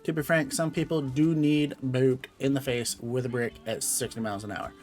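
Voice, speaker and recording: A young man chats his way through a game stream in an easy, playful voice. His pitch sits in an ordinary middle range, and he talks back to his viewers between steps. Soft music plays faintly behind him. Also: steady tone, moderate pace. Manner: playful, chatty, answers chat aloud. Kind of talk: casual gameplay chat.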